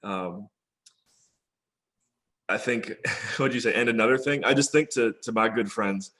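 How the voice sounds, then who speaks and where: Young adult male host; easygoing, talkative interviewer, slightly low voice. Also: slow pace, fairly bright tone. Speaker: podcast host. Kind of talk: casual interview.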